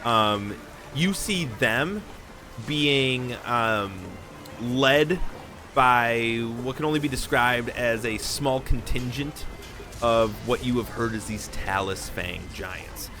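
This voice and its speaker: A man narrating a tabletop game as game master, relaxed and rambling. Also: mid-range voice, takes it slowly, over music.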